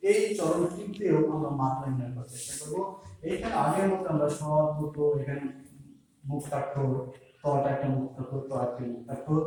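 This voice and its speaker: Male Bangladeshi teacher, slightly high voice, patient step-by-step lesson, recorded a bit off-mic in a very echoey room. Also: mellow, recorded from a distance, a little hiss or hum. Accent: Bangladeshi Bengali. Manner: patient, counts syllables aloud slowly. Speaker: school teacher. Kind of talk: classroom lesson on poetry meter.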